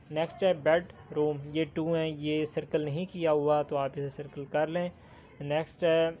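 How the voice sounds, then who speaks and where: A man teaching a recorded textbook lesson. He reads English phrases slowly, then explains them. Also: fairly high pitch, a little mellow, a little hiss or hum.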